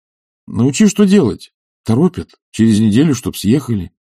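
A man voicing an idle gentleman landowner who answers sluggishly and reluctantly, read in a dry, close recording. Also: medium pitch, very animated, moderate pace, breathy edge, no echo. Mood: complaining. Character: lazy, languid gentleman landowner. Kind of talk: audiobook character reading.

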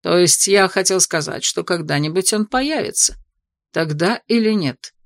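A woman reading an audiobook voices a cocky male elf healer, speaking low and slowly with a smug tone. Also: dry recording, studio quality, lightly acted. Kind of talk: audiobook character voice.

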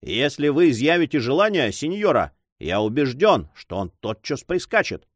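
A man's voice: mid-range voice, very animated, moderate pace, husky, dry recording, studio quality. A man reading aloud, voicing a respectful, eager male messenger addressing a lady. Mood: earnest.

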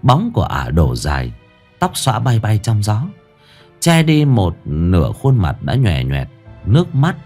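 A man narrating a dramatic ghost story in an expressive way. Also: fairly low pitch, unhurried, husky, soft background music.

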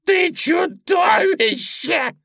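A woman's voice: big pitch swings, measured pace, bright, forceful tone, dry recording, clean studio sound, heavily acted. Shrieking tormented chocolate bunny, as a woman puts it on. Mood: anguished shrieking. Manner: squeaky, wailing, cursing. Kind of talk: storybook narration.

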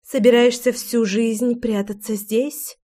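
A woman's voice: on the high side, level tone, slow pace, dark tone. A woman voicing a playful, curious young woman who coaxes and teases in an audiobook scene. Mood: teasing. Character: lively teasing young woman, curious meddler.

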